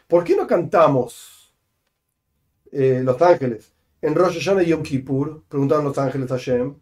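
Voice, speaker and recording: A man teaching a Torah text in a lively study session, acting out the quotes with big jumps in pitch. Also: dull audio.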